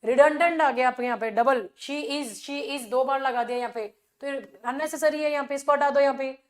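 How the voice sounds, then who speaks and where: A woman's voice: sits high, steady tone, moderate pace. A woman with an Indian accent teaching an exam revision class, explaining with rhetorical questions and repeated filler phrases. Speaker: English teacher.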